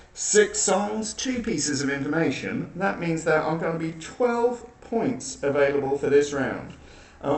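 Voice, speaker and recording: A man hosting an online quiz in a dry, deadpan way, his voice sounding like it is in a cave because of a makeshift backup mic. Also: a little high. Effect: cave-like echo. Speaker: quiz host. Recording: echoey room, far from the mic.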